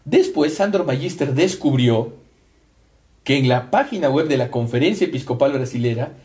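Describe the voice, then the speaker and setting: A man's voice: mid-range voice, lively intonation, moderate pace, darkish tone. A man co-hosting a talk show, explaining his points emphatically and finishing his partner's sentences. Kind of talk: conversational commentary.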